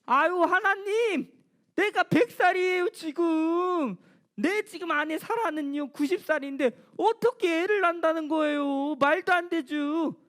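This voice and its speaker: A woman's voice: very high-pitched, fairly bright tone, voice pushed up. A woman voicing an elderly man who scoffs that he is far too old to have a child, in a children's sermon. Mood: incredulous. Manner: drawn-out, incredulous complaining.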